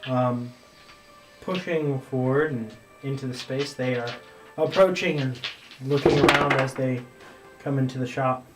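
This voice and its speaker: A man running a tabletop game as dungeon master, narrating in a relaxed, rambling way with many fillers. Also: medium pitch, a little slow, reverberant, distant mic, over music, poor audio.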